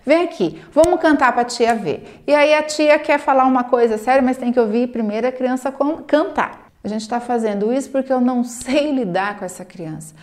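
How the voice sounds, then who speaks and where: A woman gives parenting advice straight to camera. She speaks earnestly and acts out parents' lines in quick asides. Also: high-pitched, darkish tone. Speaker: parenting educator. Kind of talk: direct-to-camera advice talk.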